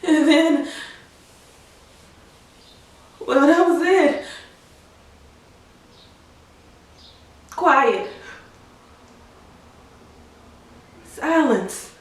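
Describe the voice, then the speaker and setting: A freshly widowed young mother, played by an actress in a stage monologue speaks slowly and haltingly from well back from the mic. Her voice rings through a very echoey room, hushed and numb, with pauses that give way to anguished cries. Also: sits high, animated, far from the mic. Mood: anguished, shaken. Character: grieving young mother, newly widowed soldier's wife. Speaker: actor performing a dramatic monologue.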